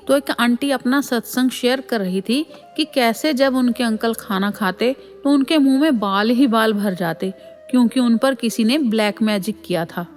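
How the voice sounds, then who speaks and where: Female devotional voice-over reader, slightly high pitch, first-person story told to the congregation, faint music bed. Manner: addresses listeners as sangat ji.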